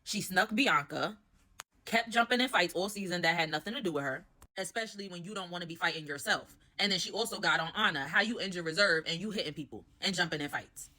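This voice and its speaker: Brief: young woman, quick and bright, gossipy reality-show recapper, slangy, opinionated. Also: on the low side.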